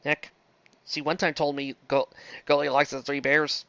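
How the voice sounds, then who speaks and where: Speaking at a moderate pace in a level, fairly bright, medium-pitched voice, a fan fiction reviewer talks casually and loosely, digressing often and restarting mid-phrase. There's no room sound, and the recording is dull, lo-fi, close and dry.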